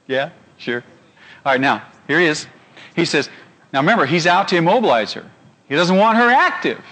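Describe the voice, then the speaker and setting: A male pastor delivering a sermon, animated and constantly asking his audience questions. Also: on the high side.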